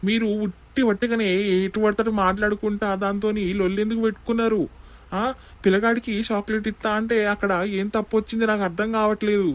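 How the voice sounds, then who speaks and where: A man voicing a hot-tempered young village husband with a Telangana accent, talking in rapid bursts. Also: high voice, flat delivery, close to an everyday voice. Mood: angry. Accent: Telangana Telugu. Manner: rapid scolding.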